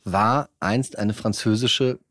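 A man's voice: lowish voice, slow, fairly bright tone, no echo, clean studio sound. A man from Franconia in Bavaria interviewing a guest, asking long, winding questions with repeated words. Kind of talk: political interview.

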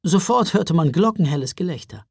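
A man narrating a children's Christmas audiobook, expressive storyteller. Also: a little high, fairly quick, gravelly, husky, no room sound, clean studio sound.

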